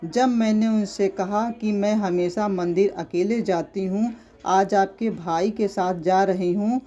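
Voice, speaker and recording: A narrator reading the lines of a young married woman who is emotional and demanding, in a slow, even voice. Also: medium pitch, close to an everyday voice. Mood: pleading.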